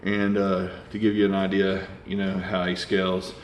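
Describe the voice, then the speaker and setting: Man, 40s, very low voice, rambling unscripted toy-review delivery full of "uh"s, faint hiss behind. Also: monotone, normal speed. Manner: rambling, many fillers and restarts.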